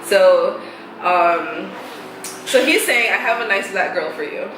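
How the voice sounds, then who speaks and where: A woman's voice: mid-range voice, slow. A young woman from Jamaica who works as an English teacher, talking casually and thoughtfully with friends, with many fillers. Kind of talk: casual chat. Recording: echoey room with background music.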